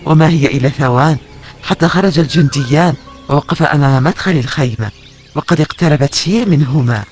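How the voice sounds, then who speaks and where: A man narrating an audio novel in a measured storytelling manner. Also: on the high side, faint music behind.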